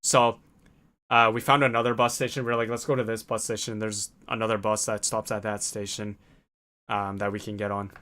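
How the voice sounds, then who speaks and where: A man's voice: fairly low pitch, flat delivery, a little fast, a bit bright. Chatty man telling a travel story. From North America. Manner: chatty, full of fillers and acted-out quotes. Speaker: vlogger. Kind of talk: casual storytelling to camera.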